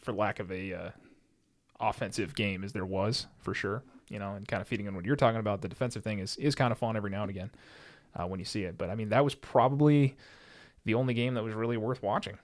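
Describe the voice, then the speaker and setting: Male podcast co-host, rapid casual sports chatter, rambling delivery. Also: on the low side. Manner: rambling, repeats himself when worked up.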